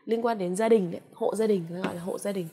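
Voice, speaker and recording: A woman English teacher with a Vietnamese accent, slowly repeating vocabulary words and explaining them in a drawn-out, coaxing classroom way. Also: medium pitch, fairly even intonation, warm tone. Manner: frequent "ok" and "à" fillers, coaxing "đúng không ạ?". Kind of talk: vocabulary lesson with pronunciation drills.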